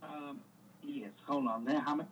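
A man's voice: on the high side, steady tone, normal speed, a bit bright, lo-fi sound, slight background noise, natural voice. A man doing a drawling goofy hospital operator. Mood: deadpan. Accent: Southern US. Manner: drawling, rambling nonsense. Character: goofy male hospital phone operator, rambling. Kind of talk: prank phone call comedy.

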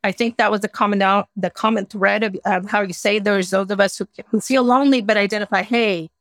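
A woman's voice: medium pitch, fairly even intonation, brisk, no room sound. A woman from the California-Mexico border, a guest in an interview, talking with feeling and often repeating her words. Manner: emotional, repeats words, quotes others. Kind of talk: personal interview.

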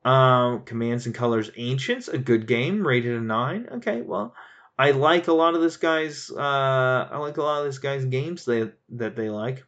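A man chatting casually as a board game reviewer, animated and laughing, rambling with frequent restarts. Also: medium pitch, unhurried, muffled recording. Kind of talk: casual chat.

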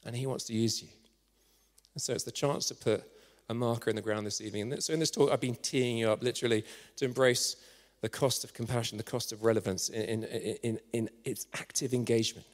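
A man preaching a sermon in an earnest manner, at times dropping to a hushed storytelling voice. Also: medium pitch, steady tone, brisk. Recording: long reverb of a church hall.

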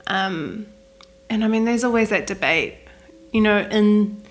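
A woman's voice: medium pitch, measured pace. A young woman from New Zealand with a Kiwi accent, a wedding photographer chatting casually in an interview with lots of "like" fillers. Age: young adult. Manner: chatty, many "like" fillers, laughs easily. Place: flat at home.

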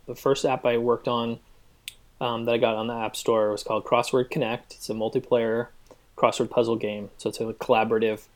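Halting man, dry humor, filler-heavy. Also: medium pitch. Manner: halting, many ums and uhs, dry humor. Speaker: guest app developer. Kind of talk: casual podcast chat. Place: cabin.

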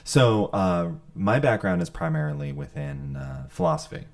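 Young male podcast co-host, heavy vocal fry, hesitant and rambling. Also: medium pitch, animated, moderate pace. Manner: rambling, hesitant with many fillers. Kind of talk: casual chat.

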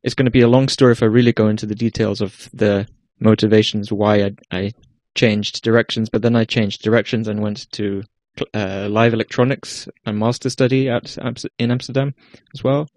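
A young Icelandic-accented man speaks in a low, even voice, telling his story in a relaxed interview. He hesitates and restarts often as he searches for words. The sound is close and dry, with no room around it. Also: fairly quick, few pauses, dry recording. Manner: hesitant, many restarts and fillers. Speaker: guest musician. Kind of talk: casual interview talk.

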